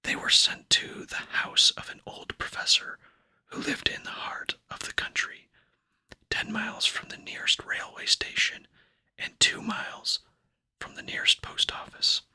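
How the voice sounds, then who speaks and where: A man reads a book aloud as an ASMR host, whispering in a breathy, hushed voice. His delivery is slow and soothing.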